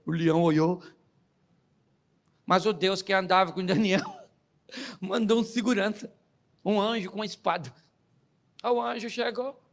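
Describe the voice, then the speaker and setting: A pastor tells Bible stories as comedy, chuckling along and playing out each scene. His voice sits high for a man and has a gravelly, fried texture. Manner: jokey, laughs at his own jokes, acts out scenes. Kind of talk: comic storytelling sermon.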